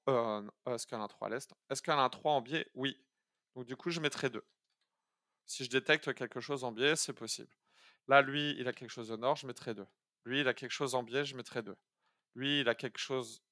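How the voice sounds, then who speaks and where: A man's voice: medium pitch, moderate pace, a bit bright, no echo, studio quality. A man streaming a coding lesson, talking casually and hesitantly with many fillers while he thinks aloud. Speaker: coding streamer teaching algorithms. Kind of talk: live-streamed coding tutorial.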